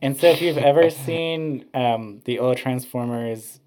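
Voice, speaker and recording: A man's voice: mid-range voice, measured pace, noisy background. A man, a podcast host, rambling through casual chat, with many "like" fillers. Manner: rambling, heavy use of "like" fillers.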